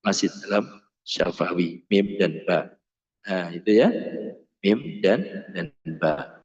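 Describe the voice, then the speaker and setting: A man's voice: deep voice, expressive, slow. Male recitation teacher, classroom lesson, chants syllable drills, roomy room, dull lo-fi sound. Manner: drills syllables in sung chants, then explains in a plain speaking voice. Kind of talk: classroom lesson on Arabic pronunciation. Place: school classroom. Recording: roomy, muffled room recording.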